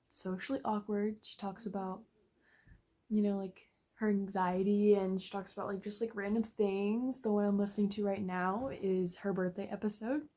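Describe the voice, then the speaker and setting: A woman's voice: medium pitch, mellow. A young woman chatting casually to her camera at home in her first vlog, rambling with plenty of fillers. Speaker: vlogger.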